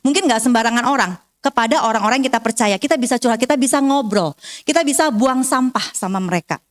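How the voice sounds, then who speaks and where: A woman counselor gives a seminar talk to parents in a high, bright voice. She explains patiently and acts out short parent and child exchanges. She guides breathing counts slowly and softly.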